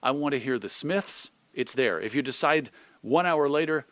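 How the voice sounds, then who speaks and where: Speaking at a moderate pace in a medium-pitched voice with a fairly bright tone and no echo, a middle-aged American man reflects casually as an interview guest. The old-time radio host thinks out loud, wandering thoughtfully through his ideas and illustrating them with examples and invented quotes.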